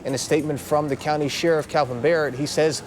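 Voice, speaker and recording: A man's voice: on the high side, fairly even intonation, quick pace, darkish tone, slight background noise. A man anchoring an evening TV newscast from a studio, upbeat, with casual asides. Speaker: news anchor. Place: TV news studio.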